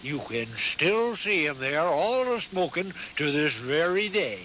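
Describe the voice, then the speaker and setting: An actor playing a folksy old-time cowboy prospector spinning tall tales in an American Western drawl full of cowboy slang. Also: male voice, fairly high pitch, sing-song, unhurried, pushed and bright, slight background noise, exaggerated voice. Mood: yarn-spinning, sly. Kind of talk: folksy tall-tale promotional film narration. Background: music.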